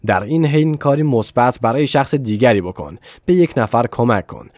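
A man narrating an audiobook in a measured, calm reading. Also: medium pitch, dry recording, studio quality. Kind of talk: scripted narration.

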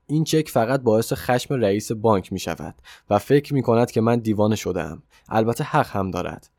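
Man voicing a calm millionaire mentor. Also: fairly low pitch, dry recording, studio quality, natural voice. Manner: calm and insistent. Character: calm, self-assured wealthy older male millionaire mentor.

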